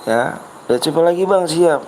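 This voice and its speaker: Fairly high-voiced casual streamer man. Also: normal speed, a little mellow, slight background noise, low-quality recording. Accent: Jakarta Betawi slang. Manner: patient, reads chat, repeats himself coaxingly. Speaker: game livestream host. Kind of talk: casual livestream chat.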